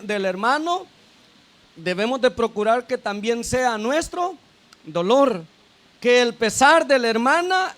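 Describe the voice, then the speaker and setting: A man with a very high-pitched voice preaches a sermon as a deacon. He keeps turning to the congregation with tag questions and calls them brother and sister. He often repeats and restarts his phrases as he goes. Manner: addresses listeners as brother and sister.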